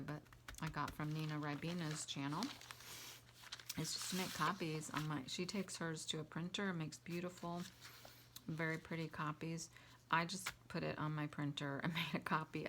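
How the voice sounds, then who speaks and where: Low-voiced chatty woman crafter. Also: noisy background. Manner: chatty, rambling, with fillers and restarts. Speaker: crafting channel host. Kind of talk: casual crafting tutorial.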